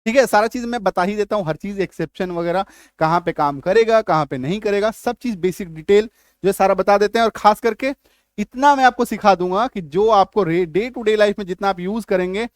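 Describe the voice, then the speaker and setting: A man's voice: sits high, brisk, no echo, studio quality. A middle-aged man teaching English spelling and pronunciation in Hindi, repeating rules and checking often that his students follow. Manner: repetitive, checks understanding often.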